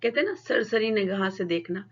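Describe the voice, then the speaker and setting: A woman teaching a lecture class, explaining in Hindi mixed with English and reading English definitions slowly and deliberately. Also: mid-range voice, expressive, husky, lo-fi sound.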